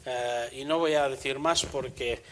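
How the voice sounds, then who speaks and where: A man preaching a sermon in church, measured and earnest, also reading scripture aloud. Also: medium pitch, steady tone, low-quality recording.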